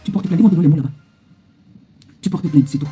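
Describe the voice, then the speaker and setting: A woman's voice: low voice, fast talker, mellow, slightly rough, soft background music. A middle-aged woman, an influencer, giving an angry, confrontational rant straight to camera, hammering the same retorts again and again. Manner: heated, repetitive, confrontational retorts. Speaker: social media influencer.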